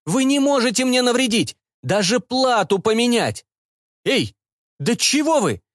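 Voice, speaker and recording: A frantic cyborg repairman shrieks and begs in a strained, high voice that swoops up and down, as a man reads him in an audiobook. The sound is close and dry. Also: very animated, fairly bright tone, no room sound, exaggerated voice. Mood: pleading. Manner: high, shrill, rapid pleading. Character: panicky male cyborg mechanic, pleading and indignant. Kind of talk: audiobook character voice.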